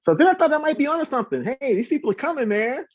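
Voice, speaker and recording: In a muffled recording, a man with a very high voice and big pitch swings talks very fast as an interview guest, casually telling stories. A singer and former radio host, he animatedly acts out the dialogue he quotes.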